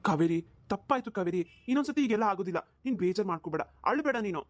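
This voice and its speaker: A woman's voice: medium pitch, expressive, rapid-fire, natural voice. A woman voicing a flustered young husband in a cartoon, pleading and exasperated. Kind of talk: cartoon voice acting.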